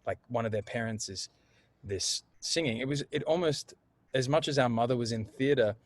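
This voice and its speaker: A man's voice: mid-range voice, normal speed, no room sound. Man telling stories animatedly. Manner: animated storyteller, acts out quoted voices. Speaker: singer and voice coach, guest. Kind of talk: casual conversational interview.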